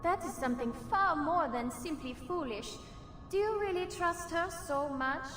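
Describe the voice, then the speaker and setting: A contemptuous, bodiless female spirit in a video game drama. The voice is extremely high and haughty, scolding in a theatrical way. It rings with long, echoing reverb over music. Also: expressive, a little slow, a bit bright, heavily acted. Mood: bitter contempt. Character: scornful disembodied female voice haunting a woman's body.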